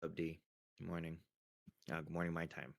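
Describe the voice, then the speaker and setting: Deep gravelly guy on voice chat, audio choppy and breaking up, slow and halting. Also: flat delivery. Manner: halting, hesitant, stop-start. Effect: choppy, breaking-up voice-chat connection. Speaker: caller in a group voice chat. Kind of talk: casual chat. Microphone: online voice chat.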